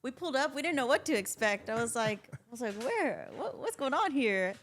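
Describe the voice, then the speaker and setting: A woman's voice: high-pitched, big pitch swings, brisk, a little hiss or hum. A woman in her thirties, a band member guest in a casual interview, upbeat and repeating phrases for emphasis. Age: 30s.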